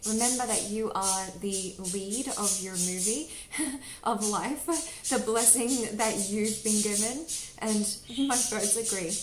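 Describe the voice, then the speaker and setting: A woman's voice: medium pitch, slow, hardly any pauses, slight background noise. A woman giving a casual tarot reading to camera, chatty and giggly, with many "like" fillers. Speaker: tarot reader. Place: home room with birds nearby. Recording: roomy echo with faint background ambience.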